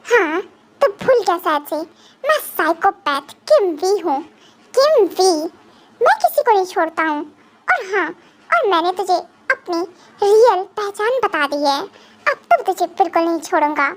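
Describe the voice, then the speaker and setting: A woman's voice: very high-pitched, sing-song, a little slow, heavily acted. Woman voicing a sneering young male psychopath boss. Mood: menacing. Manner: taunting, threatening, sneering. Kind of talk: Hindi fan dub drama.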